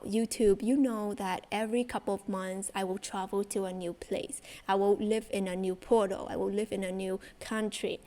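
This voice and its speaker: Her medium-pitched voice has a dark tone as this young spiritual creator from Vietnam talks casually to her audience. She's enthusiastic about spirituality and fills her speech with lots of fillers.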